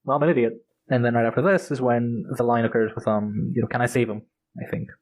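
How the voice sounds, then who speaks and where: A man co-hosts a casual podcast about fantasy novels. His voice sits at an ordinary middle pitch, and he talks in a loose, rambling way. He gets worked up about the story and peppers his talk with "like", "you know" and the occasional curse. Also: steady tone, quick pace, low-quality recording. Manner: rambling and enthusiastic, with frequent fillers and swearing. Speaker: podcast co-host. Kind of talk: casual book discussion.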